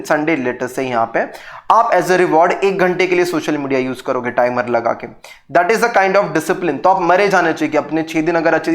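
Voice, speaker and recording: Man, echoey room. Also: on the high side. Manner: casual, mixes Hindi with English phrases. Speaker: CA exam professor. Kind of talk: motivational talk to students.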